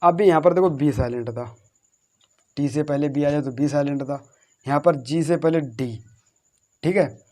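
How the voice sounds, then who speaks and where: A man's voice: on the high side, a little mellow. A man teaching a lesson on English spelling, repeating each word and spelling it out letter by letter, asking questions and answering them himself. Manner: repetitive, drills words slowly letter by letter.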